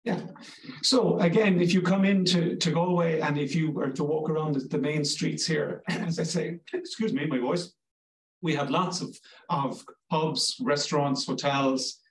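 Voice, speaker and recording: A man's voice: a little high, steady tone, measured pace. Irish man from Cork, echoey and distant. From Ireland, Cork. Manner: chatty, reassuring, frequent restarts. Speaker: language school director. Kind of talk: promotional interview answers.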